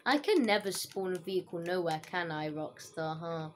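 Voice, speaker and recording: A woman's voice: on the low side, lively intonation, moderate pace, a little hiss or hum. A woman giving casual, giggly commentary over her own gameplay, laughing often and dropping internet slang. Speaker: gaming video host.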